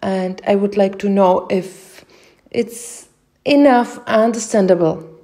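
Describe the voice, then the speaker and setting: A young Czech woman with a Czech accent, giving slow step-by-step crochet instructions with frequent hesitations. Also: medium pitch, steady tone, warm tone. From Czech Republic. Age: young adult. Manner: slow, careful, with many hesitations. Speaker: crochet tutorial host.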